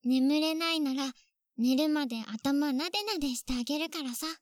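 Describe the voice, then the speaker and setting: A woman's voice: sits high, moderate pace, no room sound, studio quality, natural voice. A woman playing a clingy yandere little sister. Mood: sweet doting. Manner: sweet then coldly jealous. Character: clingy possessive younger sister turning yandere. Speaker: voice actress in phone-call role-play. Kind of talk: phone-call role-play drama.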